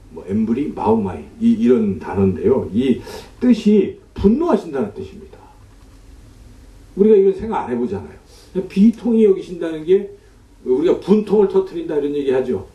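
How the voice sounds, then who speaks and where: A male pastor delivers a sermon with a lively, rising and falling voice. His tone is dark and mellow. He sounds set back from the mic in an echoey church sanctuary. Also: mid-range voice, distant mic. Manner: explains scripture with rhetorical questions to the congregation.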